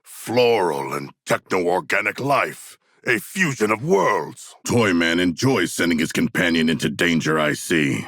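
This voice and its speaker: Gravelly, formal shark warrior, King Shark. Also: low voice, expressive, measured pace, few pauses, fairly bright tone, dry recording, clean studio sound, full character voice. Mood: measured, dry. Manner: formal, stilted, articulate diction with grandiose turns. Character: erudite, polite, eager humanoid shark warrior. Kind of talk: video game character voice lines.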